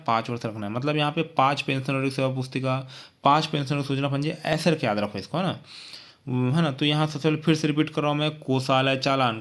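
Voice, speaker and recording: A man's voice: medium pitch, a bit bright. A man teaching an exam-prep lesson, repeating points and checking in with frequent tag questions.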